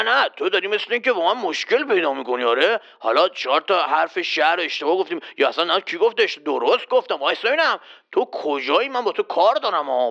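A performer voicing a gruff, boastful man in a children's quiz skit, bossy and quick to threaten the host. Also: medium pitch, bright, forceful tone, muffled recording, exaggerated voice. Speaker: quiz contestant.

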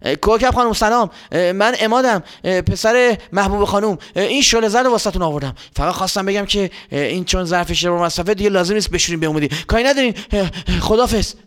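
Man doing a scared young boy, high voice, breathless, rambling, storybook figure. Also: hardly any pauses, a bit bright. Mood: nervous. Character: frightened young neighborhood boy.

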